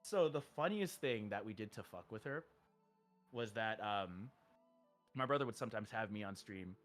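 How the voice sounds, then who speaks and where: A man with a bright, forceful voice tells a long story in a streamer's casual chat. He is animated, swears a lot and slips into voices for the people he quotes. Faint music plays behind him. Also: lowish voice, normal speed.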